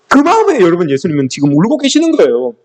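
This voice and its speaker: A man's voice: high voice, wildly swooping pitch, quick pace, a little mellow. A man preaching a sermon as pastor, emphatic and often calling out to the congregation. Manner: emphatic, repeatedly addressing the congregation.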